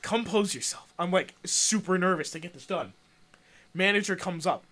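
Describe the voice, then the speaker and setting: A young man hosting a casual podcast, telling a funny childhood story in an animated way while playing a video game and laughing often. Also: high-pitched, normal speed. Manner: animated, laughing, acts out quoted voices. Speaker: podcast host.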